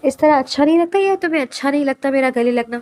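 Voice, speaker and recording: A teasing, protective young man, as a woman reads him reassures softly in a narrated romance. The pitch stays high. There is little change from the reader's own voice. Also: expressive. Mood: reassuring.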